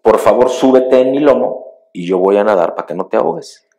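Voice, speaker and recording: A man's voice: fairly low pitch, animated, fairly quick, a little mellow, echoey room, pitched above the performer's own voice. A man voicing a sly, pleading male scorpion in a fable told during a sermon, begging in a raised, wheedling voice. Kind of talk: sermon storytelling.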